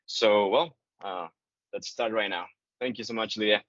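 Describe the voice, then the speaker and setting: A man with a fairly low voice hosts an online webinar, hesitating often and repeating himself with plenty of fillers. His audio comes over a video call, dry and a bit dull. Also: moderate pace, a bit bright, no room sound. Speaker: webinar host. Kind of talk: casual hosting.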